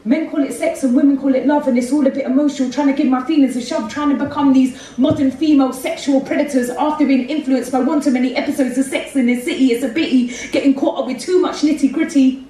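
A woman's voice: sits high, fairly even intonation, fast talker, hardly any pauses, dark tone, distant mic. A woman, performing spoken word poetry on a theatre stage into a handheld mic, with rhythmic street-inflected delivery. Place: theatre stage with red curtains. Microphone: handheld mic, far camera. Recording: very echoey hall, heard from afar.

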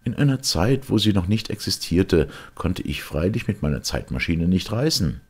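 A man voicing an excitable, gloomy male time traveller in an audiobook, speaking with raised, urgent insistence. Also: deep voice, moderate pace, breathy edge, voice pushed up. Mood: agitated. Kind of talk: audiobook character reading.

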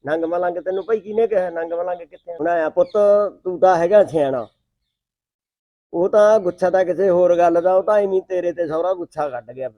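Man as a village father, coaxing, repeats himself, high-pitched. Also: a little fast, dark tone, no room sound, lightly acted. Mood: soothing. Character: village father, soothing yet bossy.

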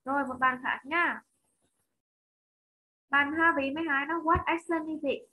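A woman's voice: high voice, steady tone, a little slow, sharp tone, rough recording. A woman with a Vietnamese accent teaching English in an online class over a video call, calling on students by name, repeating their answers and switching between English and Vietnamese.

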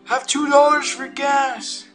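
A man voicing a fussy elderly male steward from a video game, who talks slowly and formally with a quaver. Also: very high voice, level tone, pitched above the performer's own voice. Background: game music.

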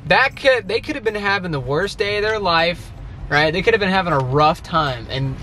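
A goofy man jokes around from the passenger seat, his pitch swinging widely as he plays the clown. The car interior is noisy behind him. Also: expressive, normal speed, bright, forceful tone. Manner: goofy, jokey, playful. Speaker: vlog guest. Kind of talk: casual joking chat.

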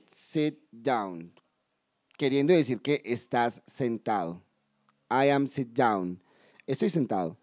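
A man teaching English in a video lesson, explaining step by step, addressing viewers directly and slowly repeating key words. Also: a little high, mellow, dry recording, clean studio sound. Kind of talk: video lesson for Spanish speakers.

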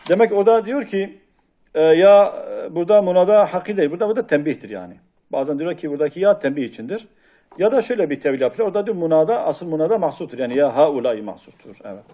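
Man teaching Arabic grammar, mellow. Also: fairly high pitch. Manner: reads Arabic passages then explains them in Turkish, with frequent hesitation sounds. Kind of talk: lecture explaining a classical text.

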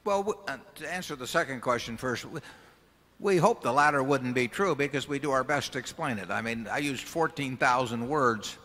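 On a large arena stage, an older man answers shareholders' questions at a table mic, his talk meandering and homespun, with frequent false starts. The mid-range voice is creaky, bright and forceful, and it rings with the long reverb of the arena's PA.

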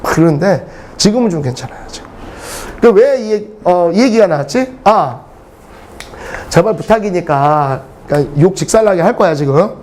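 A man's voice: high-pitched, expressive, normal speed, darkish tone, slight background noise. A middle-aged man teaching English, telling blunt, comic classroom stories and swearing freely for laughs. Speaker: English lecturer. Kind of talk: lively classroom storytelling.

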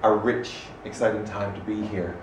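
A middle-aged man from Canada giving an animated, expressive public talk as an arts director in a small room. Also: on the low side, moderate pace. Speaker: arts director speaking at a salon. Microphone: standing microphone. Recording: echoey room from far off, faint noise.

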